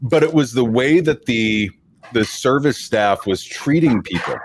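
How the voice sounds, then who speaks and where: A man's voice: mid-range voice, expressive, a little slow. A man hosting a casual podcast, talking in an easygoing, rambling way and teasing his co-hosts. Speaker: podcast host.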